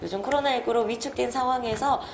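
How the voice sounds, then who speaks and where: A young woman TV food reporter speaking through a face mask, lively and exclamatory as she chats with a restaurant owner. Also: a little high, quick pace, vocal fry, a little hiss or hum. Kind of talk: broadcast food show reporting. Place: indoors in a restaurant. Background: background music.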